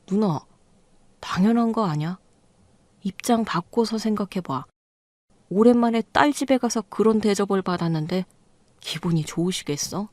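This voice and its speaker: A woman's voice: medium pitch, animated, normal speed, pauses often, darkish tone, dry recording, lightly acted. Blunt, dismissive grown-up brother in a radio-drama story , as a woman reads him; dry sound. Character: curt, blunt younger brother, a grown man.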